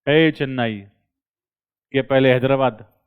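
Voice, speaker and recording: A male commerce tutor, lecturing a classroom and quizzing his students with quick questions. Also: mid-range voice, smooth, narrow, tinny audio.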